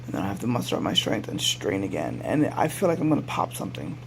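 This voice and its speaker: A man giving a casual, rambling video update as a patient, sounding subdued, halting and weary after surgery. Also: fairly low pitch, big pitch swings, creaky. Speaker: patient vlogger. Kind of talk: casual personal update to camera. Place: hospital room. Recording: noisy room recording with hum.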